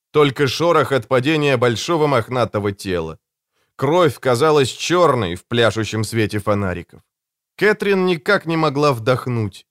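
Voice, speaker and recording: A man narrating an audiobook with expressive, dramatic storytelling. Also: mid-range voice, no echo, studio quality. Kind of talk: scripted narration.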